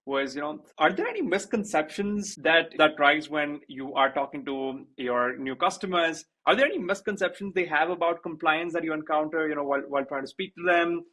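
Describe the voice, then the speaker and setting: Host, man, slightly high, bright and forceful tone, agreeable and chatty. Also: fairly quick, hardly any pauses. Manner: agreeable, uses many "you know" fillers. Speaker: interview host. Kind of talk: casual interview talk.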